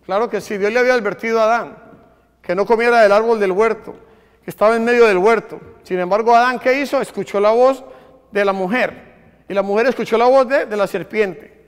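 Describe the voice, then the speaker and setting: A man's voice: high-pitched, brisk, clean tone. A man preaching a sermon, asking the congregation questions and answering them himself. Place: church hall. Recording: long reverb of a church hall.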